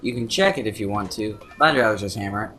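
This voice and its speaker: A man's voice: fairly low pitch, fast, sharp tone, soft background music. A man giving casual, joking commentary as he plays through a video game. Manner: sarcastic and joking. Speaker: let's play commentator.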